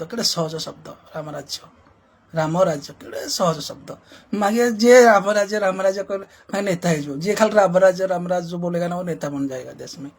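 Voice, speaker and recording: Husky, emphatic man. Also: sits high. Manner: emphatic, repetitive, rhetorical questions. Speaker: social reformer speaker. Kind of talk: impassioned spoken commentary.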